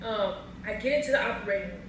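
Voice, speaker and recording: A young woman casually telling a story on her vlog, animated and laughing often, acting out the voices she quotes. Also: medium pitch, quick pace. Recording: very echoey, distant mic, noisy room.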